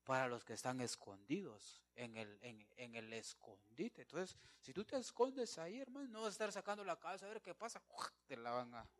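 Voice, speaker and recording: A man's voice: medium pitch, very animated, moderate pace. Emphatic preacher man. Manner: emphatic, keeps calling listeners brother; swings between loud declarations and quiet asides. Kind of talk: evangelical sermon.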